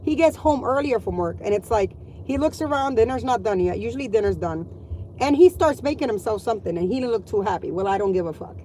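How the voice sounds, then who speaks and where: A woman's voice: fairly high pitch, animated, quick pace, warm tone, slight background noise, low-quality recording. A middle-aged woman and mother venting to her viewers in a blunt, profane, exasperated rant. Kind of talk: ranting vlog monologue.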